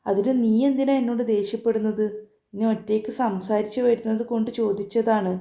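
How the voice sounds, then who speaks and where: A woman's voice: a little high, fairly even intonation, brisk, dark tone, close to an everyday voice. A woman voicing a caring middle-aged mother who fusses anxiously over her daughter. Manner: fussing, anxious. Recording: roomy echo.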